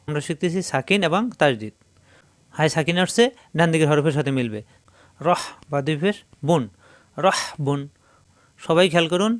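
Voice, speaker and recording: A man teaching Quran reading step by step, his voice sitting slightly high and recorded close and dry. He drills each syllable slowly and repeats it, pausing to explain how it is formed. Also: dry recording. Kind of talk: step-by-step recitation lesson.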